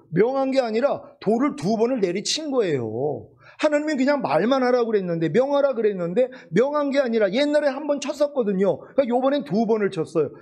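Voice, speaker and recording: A man's voice: high voice, darkish tone. A male pastor preaching a sermon in a conversational way, full of rhetorical questions.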